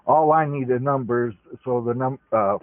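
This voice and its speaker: A man's voice: mid-range voice, normal speed, dry recording. Man on a tinny phone line. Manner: polite, methodical, explains at length. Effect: heard over a phone line. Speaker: caller. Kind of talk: phone call. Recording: tinny dry phone call recording.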